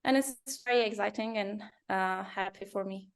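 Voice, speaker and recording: A Turkish woman who founded a company and works as a designer answers business interview questions in careful English, pausing often and using many fillers. Her mid-range voice is clear and resonant.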